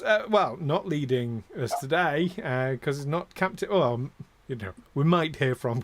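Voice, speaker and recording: A man from northern England, hosting a tabletop game show in casual, joking chat and laughing often. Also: on the high side. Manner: chatty, laughs often, jokey asides. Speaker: game master and show host.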